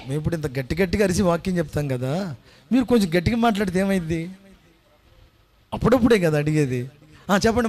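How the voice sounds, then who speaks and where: A male pastor preaching a fervent sermon, rising to loud exclamations, repeating phrases and calling for amens and applause. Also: sits high.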